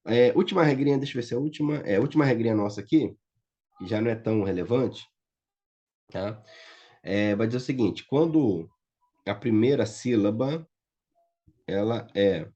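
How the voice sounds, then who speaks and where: A man's voice: fairly low pitch, animated, moderate pace, long pauses, mellow, breathy edge. A man with a Brazilian Portuguese accent teaching a Biblical Hebrew class online, patiently checking that his students follow. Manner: patient, checks understanding often with "tá?" and "certo?". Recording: muffled lo-fi audio.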